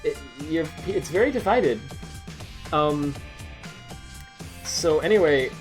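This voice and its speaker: A man's voice: on the high side, lively intonation, slow pace, faint music behind. A man chatting casually on a live stream, rambling and mocking himself as he reads out memes, laughing often.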